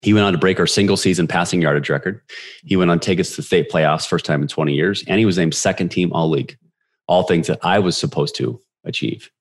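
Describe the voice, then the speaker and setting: A man in his forties, a podcast guest, telling a personal story with animated energy and acting out the voices of people in it. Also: sits low. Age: 40s. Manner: animated, quick storyteller who acts out quoted dialogue.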